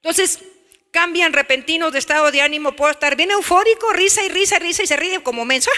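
High, bright Mexican woman preaching. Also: fast, big-room sound. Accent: Mexican Spanish. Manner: animated, acts out family scenes, rhetorical questions. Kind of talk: sermon.

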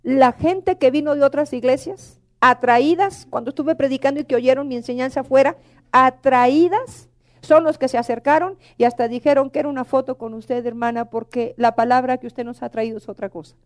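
A middle-aged woman preacher delivering an emotional, pleading sermon. Her voice sits high, with a warm, mellow tone. She keeps turning to the congregation as brothers and sisters. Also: steady tone, quick pace, hardly any pauses.

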